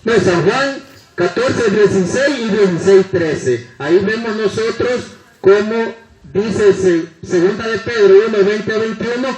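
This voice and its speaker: A man's voice: high-pitched, a little mellow. A man preaching a sermon, hurrying along and citing scripture references. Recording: echoey room with crowd.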